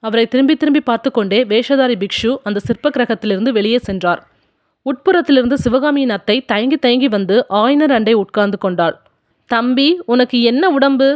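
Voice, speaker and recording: Lady narrating an audiobook, steady clear reading, higher voice. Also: a little fast, no echo, studio quality.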